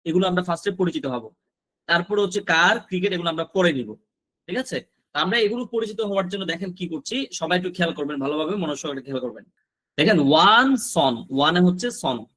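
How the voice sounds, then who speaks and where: Man, teacher, high voice, repetitive drilling, class lesson. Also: fast talker, a bit bright. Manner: repetitive drilling, asks and answers own questions.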